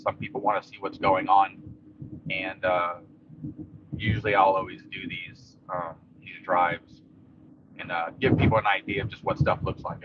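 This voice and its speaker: A man giving a casual, rambling, matter-of-fact live commentary while driving a car through rain. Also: lowish voice. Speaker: local vlogger giving a storm update while driving. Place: inside a moving car in rain. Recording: dull lo-fi audio, steady car and rain noise.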